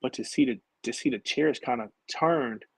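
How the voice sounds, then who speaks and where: Interview guest: husky-voiced man, mid pitch, animated and slangy, dry recording. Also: moderate pace, no echo, rough recording. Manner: animated, slangy storytelling, acts out his own past conversations. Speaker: interview guest, former college and pro basketball player. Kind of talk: casual storytelling interview.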